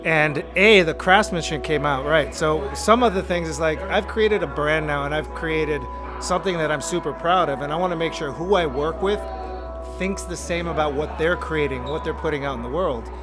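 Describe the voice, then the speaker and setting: Earnest LA-raised artist, a man, talking reflectively in an interview, pitched a little high, with music underneath. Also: normal speed. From Los Angeles. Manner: earnest, motivational.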